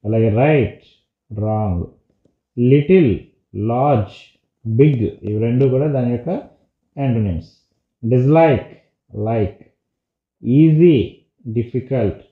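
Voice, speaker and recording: A male teacher with a Telugu accent who explains English words slowly in Telugu for schoolchildren. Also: medium pitch. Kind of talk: textbook lesson explanation. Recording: echoey room on a tinny phone-like line.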